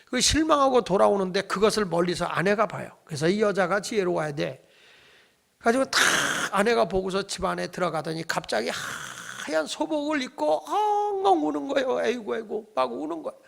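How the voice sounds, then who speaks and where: A middle-aged male pastor preaching a sermon. He tells stories dramatically, acts out the dialogue in them with shouts and whispers, and urges the congregation to respond. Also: high voice, expressive, a little fast, gravelly.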